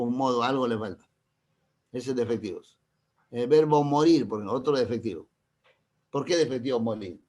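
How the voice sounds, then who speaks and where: A middle-aged man stands at the front of a class, walking through grammar rules in an easy, mid-pitched voice. He keeps stopping to check that everyone follows, firing off short questions to the room. Now and then he slips in a teasing example to keep the lesson light. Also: warm tone. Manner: constantly checks understanding with quick questions. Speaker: language teacher.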